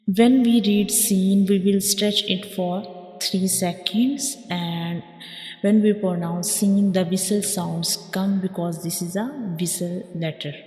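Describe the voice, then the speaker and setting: A woman's voice: medium pitch, steady tone, takes it slowly, darkish tone, reverberant, long reverb tail, faint music behind. A woman teaching Quran letter pronunciation step by step, repeating each point and modeling the sounds. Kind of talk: slow step-by-step pronunciation lesson.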